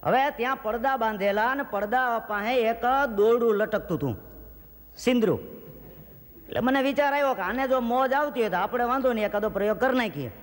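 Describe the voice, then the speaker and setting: High-voiced comic telling stories on stage. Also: male voice, expressive, brisk, in a large hall. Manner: self-mocking storyteller, acts out hecklers' voices. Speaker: folk comedian. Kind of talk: stand-up joke telling.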